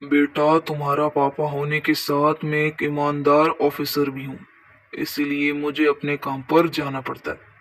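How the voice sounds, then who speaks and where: A man voicing a gentle, dutiful officer father in a doll-play story, speaking calmly and affectionately. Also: fairly high pitch, unhurried, distant mic. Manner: calm, affectionate, formal.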